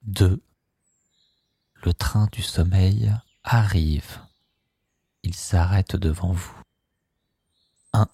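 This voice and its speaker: Very slow, deep-voiced man guiding sleep hypnosis. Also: fairly even intonation, husky, no room sound. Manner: slow, soothing, hushed delivery.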